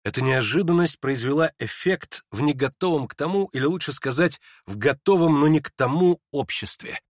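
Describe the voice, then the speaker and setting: A man giving a measured, expressive literary audiobook narration. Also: medium pitch, dry recording, clean studio sound.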